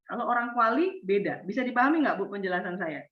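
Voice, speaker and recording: A woman lecturing university students, expressive and lively, acting out example answers and checking that the class follows. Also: medium pitch, fast. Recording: echoey, distant, dull sound.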